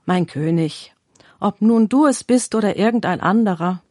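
Woman reading as a wise, calm royal advisor. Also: medium pitch, no room sound, clean studio sound, natural voice. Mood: admonishing. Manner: measured, instructive.

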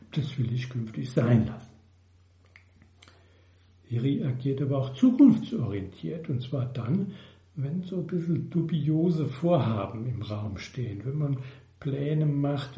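Calm man giving a dharma talk. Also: mid-range voice, echoey room. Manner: measured, explanatory. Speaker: Buddhist teacher.

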